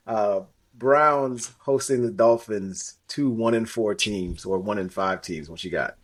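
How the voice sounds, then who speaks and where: A man's voice: fairly low pitch, a little slow. A man hosting a casual sports betting podcast, rambling with lots of fillers and restarts. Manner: rambling, filler-heavy, animated when riffing. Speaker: podcast host.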